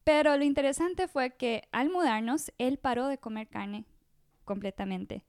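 Smooth, bright-pitched woman. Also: normal speed, no room sound, studio quality. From Costa Rica. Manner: chatty, with frequent restarts and fillers. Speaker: podcast guest. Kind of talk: casual interview storytelling.

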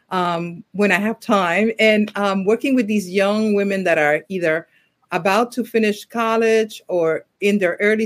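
A woman in her fifties, a social worker and coach, talking as a podcast guest in a thoughtful, hesitant way with frequent pauses. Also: mid-range voice. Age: 50s. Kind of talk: conversational interview.

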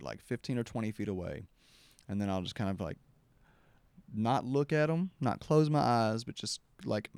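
A man with a low, gravelly voice tells a long story at an outdoor retreat, circling back and restarting his sentences. His voice stays smooth and clear, and the recording is close and dry. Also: darkish tone, dry recording. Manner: rambling, with many restarts and acted-out quotes. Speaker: podcast host. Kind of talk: casual storytelling conversation.

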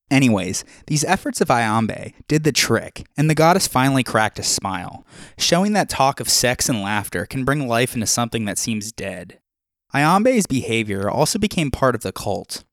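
A man hosting a podcast reads his scripted retelling of old myths in a steady storyteller's voice, dropping in small asides. His pitch sits mid-range for a man. The sound is dry and close, with no room around it. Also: no echo. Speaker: podcast host.

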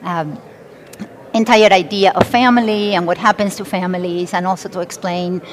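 A woman from Argentina, a company president, speaking in a measured, formal way as a guest in a conference interview. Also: fairly low pitch, fairly even intonation. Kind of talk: conversational interview. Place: conference expo floor.

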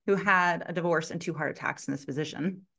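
A woman sales consultant telling a lively story in a casual interview, full of "like" fillers and casual swearing. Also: on the low side, fairly quick, creaky. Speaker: sales consultant and podcast guest.

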